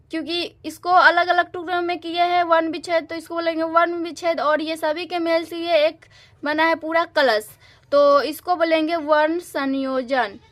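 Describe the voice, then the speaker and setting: A woman teaches a grammar lesson. Her voice sits very high, and she explains patiently, restating each definition and example more than once. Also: a bit bright.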